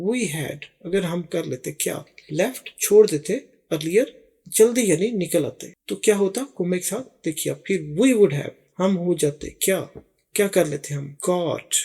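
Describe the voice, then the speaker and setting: Husky high-voiced man teaching grammar. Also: darkish tone. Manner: slow, deliberate English examples between quick Urdu explanations. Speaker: English teacher. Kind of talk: explaining grammar to viewers.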